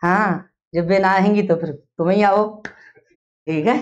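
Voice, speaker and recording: A woman's voice: medium pitch, steady tone, slow pace. A woman teacher giving a classroom lecture, explaining step by step and drilling her students with repeated questions. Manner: explains step by step, checks understanding often. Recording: dull lo-fi classroom recording.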